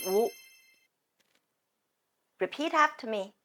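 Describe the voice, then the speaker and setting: A woman with a Chinese accent teaching beginners to count in Chinese, drawing out each sound slowly for learners to repeat. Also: on the high side, animated. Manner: slow, careful, drawn-out sounds. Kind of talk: slow language lesson. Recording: music playing behind.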